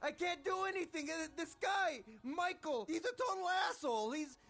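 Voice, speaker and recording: A shrill little pop-up creature, whines and nags without letup, loud and abrasive as a game character. His voice sits up in a piercing squeak. He keeps badgering, often breaking into a yell. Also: lively intonation, moderate pace. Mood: whiny. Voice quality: high squeaky whiny voice. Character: whiny pushy male pop-up creature, rule-obsessed nag.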